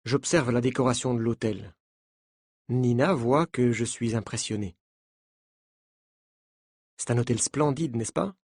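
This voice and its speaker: Slow, clear male audiobook narrator. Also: medium pitch, darkish tone, no echo, studio quality.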